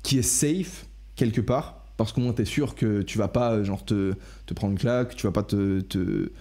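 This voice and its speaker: Mellow-voiced young man rambling through a podcast. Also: lowish voice, moderate pace. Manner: rambling, full of restarts and self-corrections. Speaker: podcast host. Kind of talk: casual podcast discussion.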